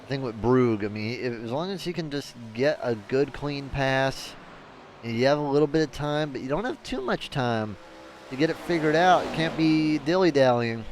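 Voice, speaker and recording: A man giving live race commentary in a chatty, excitable way that turns analytical. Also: medium pitch, normal speed, slight background noise. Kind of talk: live sim racing commentary.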